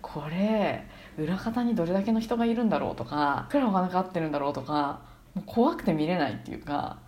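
A woman illustrator, a podcast guest, talking in a relaxed, musing way with soft fillers. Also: fairly low pitch, quick pace. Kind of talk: casual podcast chat.

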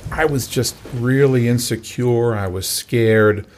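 A man's voice: mid-range voice, slow pace. A man in his sixties, a recovery coach, telling his story in casual conversation with many fillers and restarts. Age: 60s.

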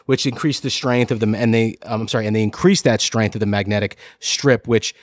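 A man's voice: on the low side, fairly quick, no echo. A man co-hosting a golf podcast, eagerly rambling through a sponsor read. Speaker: podcast co-host.

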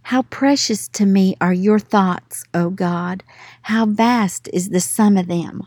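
A woman leading a devotional Bible teaching, reading scripture and affirmations in an earnest, encouraging way and slowing down on key words. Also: a little high, warm tone, breathy edge, dry recording, clean studio sound. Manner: earnest, encouraging, slows for emphasis on verses.

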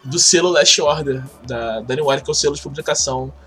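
A man with a Brazilian Portuguese accent talks casually as an interview guest, explaining things in a halting, informal way. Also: mid-range voice, pushed and bright, faint music behind. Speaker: podcast guest, game project organizer.

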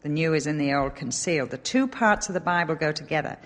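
A middle-aged woman from England with an English accent, giving an animated, emphatic Bible teaching talk with a touch of self-deprecating humor. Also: sits low, fast talker. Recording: long hall reverb.

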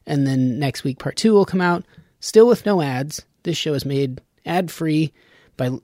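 A man's voice: fairly high pitch, darkish tone, no room sound. A man hosting a podcast in a studio, talking in a casual, rambling way and laughing often. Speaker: podcast host.

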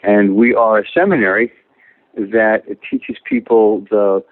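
A man who is a rabbi and seminary director, introducing himself in a measured way. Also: on the low side, animated. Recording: tinny phone line.

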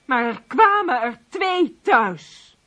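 Vee, a high-voiced emotional wife. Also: female voice, big pitch swings, slow, sharp tone, heavily acted. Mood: indignant. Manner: plaintive, then scolding. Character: emotional, indignant young wife. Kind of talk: studio radio play acting.

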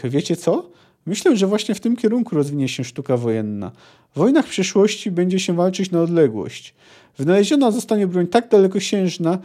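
A man's voice: high-pitched, dark tone. A man reading aloud and voicing a pompous, talkative male poet with lofty, wordy speech.

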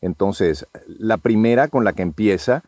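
A Mexican man speaking as an actor on a discussion panel, thoughtful and often pausing with fillers. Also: on the low side, animated, mellow, no room sound. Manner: thoughtful, hesitant with many fillers.

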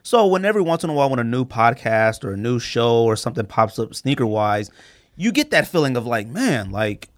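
A podcast host from Arizona in the United States interviews in a casual, rambling, chatty way. His voice is medium-pitched and sing-song, a little fast, with no echo.

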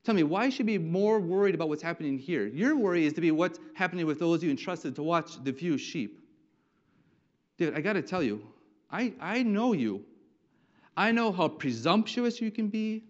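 A man's voice: on the low side, little pitch movement, racing, hardly any pauses, dark tone, voice pushed down, natural voice. A man voicing a stern, condescending older brother who lectures and rebukes his younger sibling, in a dull lo-fi recording. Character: scolding big brother Eliab, grown man, stern. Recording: dull lo-fi sound.

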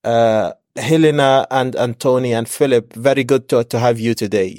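A man co-hosting a podcast, introducing guests in a measured way with frequent fillers. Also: medium pitch, a little mellow, no room sound, studio quality. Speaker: podcast co-host.

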